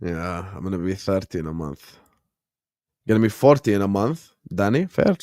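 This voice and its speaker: His voice is low-pitched, expressive and mellow at a normal speed, captured in clean studio sound without room sound. He's a Gulf man in his late twenties hosting a football watchalong live stream, chatting casually in slang as he reacts to the match and reads chat. Laid-back, he chuckles often and answers viewers directly.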